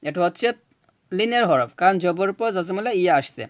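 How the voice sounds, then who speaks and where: A man teaching Quran recitation, chanting verses slowly and explaining each rule patiently, asking questions and answering them himself. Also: high-pitched, animated, no echo, studio quality. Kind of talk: recitation lesson.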